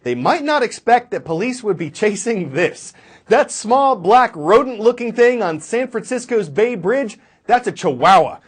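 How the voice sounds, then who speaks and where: A male news anchor narrates a light story in a high voice. His delivery is scripted and playful, built for wordplay. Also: very animated, a little slow, husky. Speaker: news anchor, show host.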